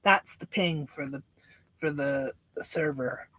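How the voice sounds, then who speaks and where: Young adult male streamer, higher-pitched, unhurried stoner drawl, casual meandering chat. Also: sharp tone, no room sound, poor audio. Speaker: live streamer. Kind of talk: casual rambling livestream chat.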